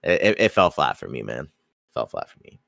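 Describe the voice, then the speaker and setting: A podcast co-host with a very deep, gravelly voice chats briskly and casually about a movie, often repeating his first words as he starts sentences. The sound is dry and clean, like a studio.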